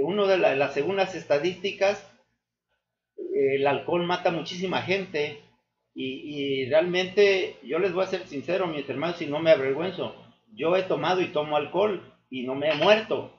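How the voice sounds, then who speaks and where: A man giving an earnest, sermon-style testimony to his church, addressing the listeners as brothers and often pausing with fillers and restarts. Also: a little high. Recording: echoey room, dull lo-fi sound.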